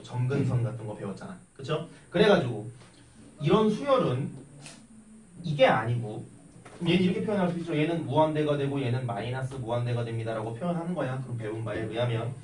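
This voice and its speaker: A young man teaching math in a classroom, chatty and animated, telling stories and tossing questions at his students. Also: mid-range voice, brisk. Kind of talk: classroom lecture with storytelling. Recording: echoey classroom from a distance with faint noise.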